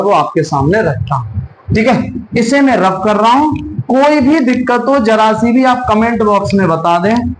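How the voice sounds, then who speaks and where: A man with a very high voice runs an exam-prep lesson, asking a question and answering it himself as he drills terms. He stretches vowel sounds out to show them. The room echoes, with a faint hiss behind him. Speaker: teacher.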